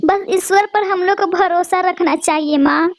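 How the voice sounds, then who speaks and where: A woman voicing a gentle, hopeful young sparrow daughter in a cartoon, soothing her mother. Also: very high voice, normal speed, no echo, voice pushed up. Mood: reassuring. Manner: soothing, reassuring.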